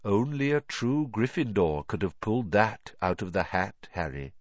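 A calm, kindly old wizard headmaster, voiced by a man, unhurried and gentle, dropping to a soft murmur at times. His pitch moves a lot within phrases, and the sound is dry and dull. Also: no echo, full character voice.

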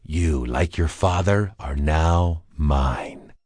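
An actor playing a sinister old male emperor, a gloating tyrant who taunts slowly in a husky, menacing voice. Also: a bass voice, darkish tone, no echo, clean studio sound, full character voice. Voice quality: gravelly, husky, menacing whisper-like delivery. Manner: slow, taunting, relishing cruelty.

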